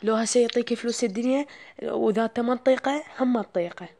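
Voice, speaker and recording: A man's voice: extremely high pitch, fast talker, gravelly, a little mellow. A coy young wife with an Iraqi accent, as a man fakes a woman's voice. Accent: Iraqi Arabic. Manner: teasing, coy, chatty. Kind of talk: prank phone call.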